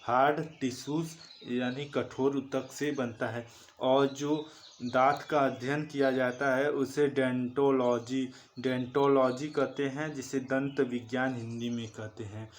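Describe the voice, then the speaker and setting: A man teaching a lesson from slides, speaking slowly and repeating terms as he corrects himself. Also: medium pitch, slight background noise. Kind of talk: slide-based online lesson.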